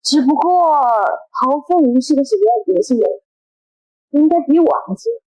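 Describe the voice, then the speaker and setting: Actress for a controlled, vengeful young woman; high voice, quiet menace. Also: close to an everyday voice, low-quality recording. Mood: cold. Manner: measured, coolly threatening. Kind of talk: short web drama acting.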